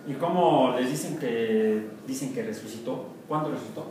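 A man's voice: medium pitch, moderate pace, background noise. A Mexican man teaching a university math class, joking and asking the students questions. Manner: jokey, asks the class questions. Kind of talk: classroom lecture. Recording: echoey classroom from far off.

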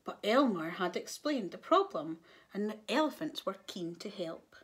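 A woman reading a children's picture book aloud, giving the animals voices and adding soft whispered asides. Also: mid-range voice, big pitch swings, normal speed. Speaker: storyteller.

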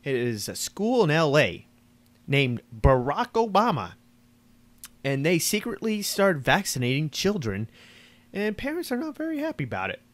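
A man's voice: on the high side, wildly swooping pitch, moderate pace, a bit bright. A man hosting a casual political commentary show, sarcastic and mocking, with jokey asides.

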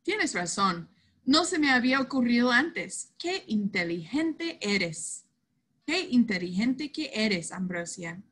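Brief: woman reading as a soft-spoken, worried old uncle, slow and gentle, storybook voice. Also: fairly high pitch, sing-song, exaggerated voice.

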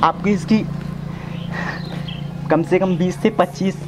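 A man in his twenties, an amateur home fitness instructor, demonstrates a workout for viewers outdoors in a brick-walled yard or on a rooftop. His high voice is slow with fairly even intonation, giving casual, instructive directions and often repeating phrases. Loud music plays behind him, making the background noisy.

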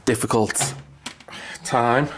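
This travel vlogger's mid-range voice is steady and very slow, with a little hiss or hum from the handheld camera mic. Walking through his apartment and stairwell to his car in an icy outdoor car park, he chats casually, rambles and puts himself down.

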